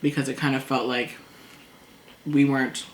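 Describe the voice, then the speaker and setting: A woman chatting casually over a meal, talkative and quick to laugh, acting out things people said. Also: a bass voice, level tone. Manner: chatty, laughs often, acts out past quotes. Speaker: co-host. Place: indoors at a table. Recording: echoey room, faint noise.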